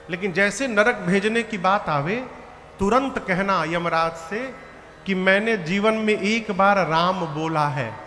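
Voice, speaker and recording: Preacher voicing a stern patient guru. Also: male voice, sits high, bright, forceful tone, full character voice. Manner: admonishing, explanatory. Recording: echoey hall with live flute music.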